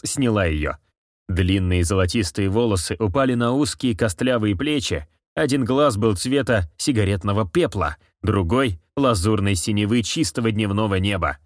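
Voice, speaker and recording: A male narrator reads a fantasy story with steady, expressive delivery. His voice is low and grounded. The recording is dry and close, with no room sound. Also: no room sound. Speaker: audiobook narrator. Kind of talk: scripted fiction narration.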